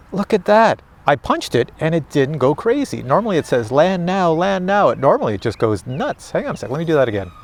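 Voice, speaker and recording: Excitable man with lively pitch. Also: slight background noise. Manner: chatty, excitable, talks to viewers. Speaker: drone reviewer. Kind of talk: casual live commentary while flying. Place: outdoors.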